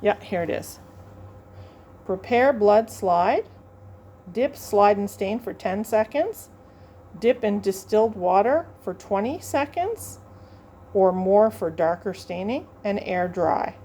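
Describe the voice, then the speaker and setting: A woman's voice: medium pitch, expressive, slow pace, mellow, a little hiss or hum. A woman instructor demonstrating a lab procedure to students, chatting and thinking aloud as she works, sometimes moving away from the mic in a teaching lab.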